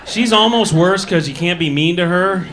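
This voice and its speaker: A man with an Upper Midwest American accent works a comedy club stage, his voice sitting a touch high. He tells his stand-up stories in a dry, wry way and tosses in quick asides. Faint club ambience hums behind the mic. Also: crowd noise, noisy background.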